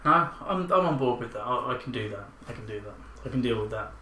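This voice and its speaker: Rambling podcast host. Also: male voice, medium pitch, expressive, fast, sharp tone. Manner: chatty, rambling, swears freely. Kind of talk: casual chat about films. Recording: roomy echo, faint background hiss.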